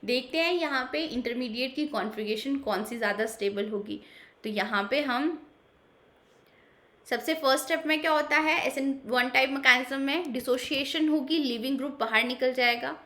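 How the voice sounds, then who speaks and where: Woman chemistry teacher, bright clear tone, slightly high voice, patient explainer, mix. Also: normal speed. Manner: patient, repeats key points, asks and answers own questions. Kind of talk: explanatory online lecture.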